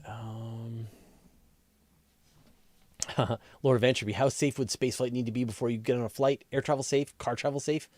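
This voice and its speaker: This male host of a live astronomy Q&A, a science journalist, reads out questions and answers them spontaneously, musing aloud and rewording things in a relaxed, chatty manner. He has a mid-range, darkish voice with fairly even intonation, speaking at normal speed with long pauses.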